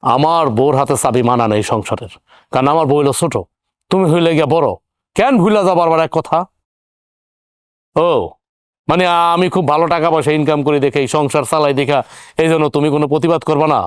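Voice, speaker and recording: Man as a hot-headed young son, indignant, smooth and clear, dry close mic. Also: fairly high pitch, brisk, long pauses, no echo, natural voice. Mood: arguing. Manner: argumentative, indignant questioning. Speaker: younger brother-in-law. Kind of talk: TV drama acting.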